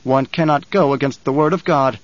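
A man voicing a composed young male leader who speaks in a measured, commanding way. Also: mid-range voice, dry recording, lightly acted. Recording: dull, dry studio recording.

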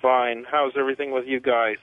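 A man's voice: medium pitch, flat delivery, brisk. A man calling in to a radio show over the phone, earnest and restarting his sentences as he makes his point. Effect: calling in over a phone line. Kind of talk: casual call-in chat. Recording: tinny phone line.

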